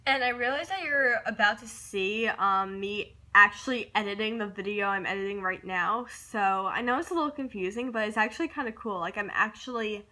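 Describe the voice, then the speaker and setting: Sitting on her bed at home, a young woman YouTuber films a casual tutorial vlog with her phone camera, chatting and rambling with plenty of "like" and "um." Her mid-range voice is bright and forceful, moving at a moderate pace with few pauses, and it has that phone-recorded sound.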